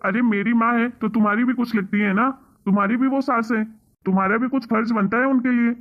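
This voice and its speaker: A man's voice: very high-pitched, steady tone, a little fast. A man voicing a husband who pleads with his wife and reproaches her, in a cartoon story. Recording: tinny phone-like sound.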